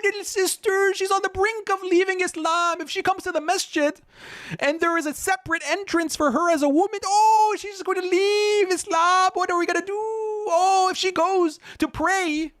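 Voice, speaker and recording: A man's voice: steady tone, a little slow, few pauses, no room sound. A man voicing a mock-tearful, whiny woman in an exaggerated melodramatic wail as a sarcastic parody. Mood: sobbing melodrama. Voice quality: falsetto wail, exaggerated sobbing. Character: mocked weepy woman, whiny and sobbing.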